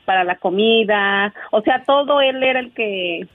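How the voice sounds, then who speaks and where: A woman's voice: medium pitch, unhurried, no room sound, phone-quality sound. A middle-aged woman from Mexico City with a Mexican accent, calling in to a radio show and giggling shyly. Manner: giggly and shy, open about her own story. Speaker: caller. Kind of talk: phone call-in chat.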